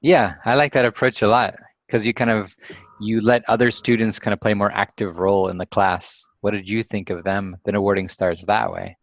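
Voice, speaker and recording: A man's voice: lowish voice, steady tone, fairly quick, no room sound. Man, moderator, upbeat, encouraging, dull lo-fi call audio, dry. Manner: upbeat, encouraging, asks follow-up questions. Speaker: discussion moderator. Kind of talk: casual panel discussion.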